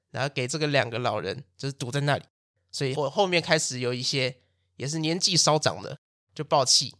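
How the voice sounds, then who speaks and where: A man's voice: mid-range voice, dry recording, studio quality. A young man, casually telling a story as a podcast host and acting out the quotes. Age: young adult. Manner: animated, acts out quotes, laughs and swears.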